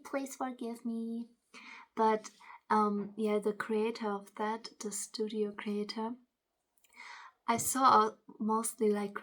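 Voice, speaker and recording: Hosting a commentary video, this medium-pitched woman isn't a native English speaker and has a non-native accent. She mixes casual opinion with reading aloud, frequently tripping on words before correcting herself.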